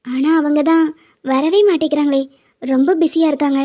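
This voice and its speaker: A woman voicing a playful, teasing pregnant young wife in an animated cartoon. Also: sits high, normal speed, dull audio, close to an everyday voice. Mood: affectionate. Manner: teasing, bossy, affectionate.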